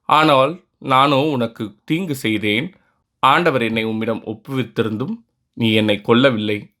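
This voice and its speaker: A man reading the part of a remorseful aging king in a solemn, measured way. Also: mid-range voice, sharp tone. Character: repentant old male king pleading.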